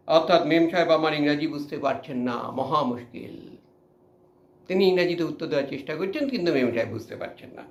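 A man's voice: sits high, roomy sound. A man teaching a literature class, reading a passage aloud and then explaining it line by line with frequent fillers. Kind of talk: line-by-line text explanation lesson.

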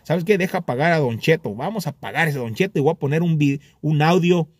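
A middle-aged man giving casual, animated motivational advice to lawn care workers, acting out little voices and repeating himself often. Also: a little high, fairly quick, breathy edge, no room sound. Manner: animated, acts out hypothetical voices, frequent "ok" and repetitions. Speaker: lawn care business vlogger.

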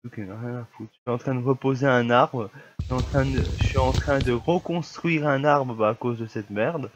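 Over music, a young man talks through his game at normal speed in a mid-range voice made slightly stuffy by a cold, and he coughs along the way. His commentary is casual and grumbly, and lag quickly irritates him.

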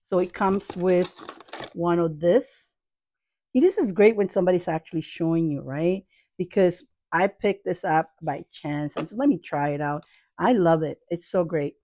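In a small, cluttered indoor room, a woman with a low, dark-toned voice hosts a casual, chatty product review video. She's playful, addresses viewers affectionately and repeats phrases, and the recording is dry.

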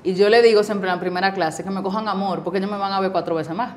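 This interview guest is a cancer survivor in her forties with a Dominican accent, speaking fast at medium pitch over slight background noise. She tells her story in a lively, casual way, acting out the quoted dialogue in the voices of the people involved.

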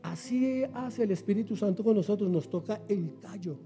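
A middle-aged man preaching a sermon as pastor, swinging from loud exhortation to quiet asides and acting out story voices. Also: sits high, normal speed, faint music behind.

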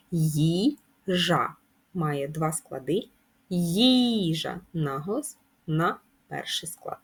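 A woman teacher giving a lesson to young schoolchildren, explaining patiently and clearly. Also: on the low side. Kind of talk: video lesson for children.

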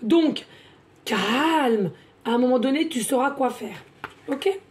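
A woman doing a chatty tarot card reading, often repeating herself and filling pauses. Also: high-pitched, expressive, darkish tone, slight background noise. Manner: chatty, repeats words, many fillers. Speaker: card reader, medium.

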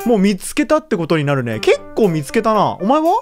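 A woman giving casual let's-play commentary, chatty and excitable, laughing often as she reacts. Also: mid-range voice, fast, music in the background. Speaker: gaming YouTuber.

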